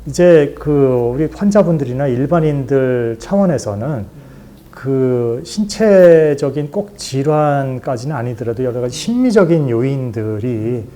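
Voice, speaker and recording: A middle-aged male doctor on a medical talk show, talking in a calm, measured way and often agreeing with his co-host. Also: medium pitch.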